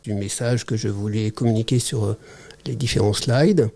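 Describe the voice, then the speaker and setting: A man speaking as a podcast guest in a casual interview, hesitant and halting, with many fillers and restarts. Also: on the low side, vocal fry, a little mellow. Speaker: podcast guest, teacher-researcher.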